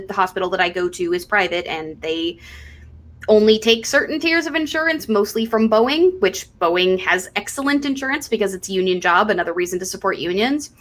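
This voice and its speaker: A woman's voice: mid-range voice, a bit bright. Chatty, candid woman podcast host. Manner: candid, chatty, lots of fillers. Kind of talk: casual chat.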